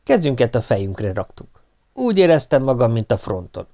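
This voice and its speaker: A man's voice: medium pitch, very animated, mellow. A man reading a humorous first-person audiobook with a wry, dry delivery. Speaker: audiobook reader.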